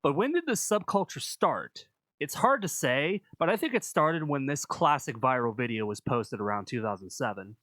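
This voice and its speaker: A man reading scripted video essay narration in a measured, explanatory manner. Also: mid-range voice, lively intonation, a bit bright, no echo.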